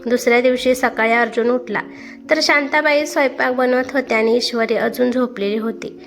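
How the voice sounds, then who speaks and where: A woman's voice: fairly high pitch, steady tone, normal speed, a bit bright. A woman telling a family story as scripted narration, reading steadily. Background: faint background music.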